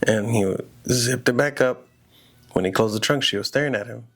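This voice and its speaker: A man's voice: mid-range voice, normal speed, gravelly. A man casually telling a horror story aloud, in a loose, rambling conversational way full of "you know" and "like".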